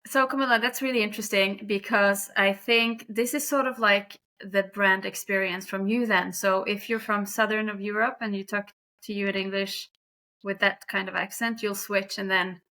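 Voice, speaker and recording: Hosting a casual podcast chat, a woman from Norway speaks with a Norwegian accent, staying friendly and chatty and joking readily. Her mid-range voice sounds pushed and bright, with fairly even intonation.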